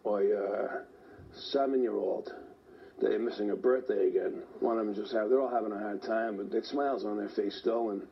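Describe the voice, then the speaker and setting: A man's voice: fairly low pitch, moderate pace, gravelly. A man, out of breath, telling his own story in an interview with lots of "like" fillers. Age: 40s. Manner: rambling, fillers like "like". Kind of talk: personal account in an interview. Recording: dull lo-fi sound, faint hiss.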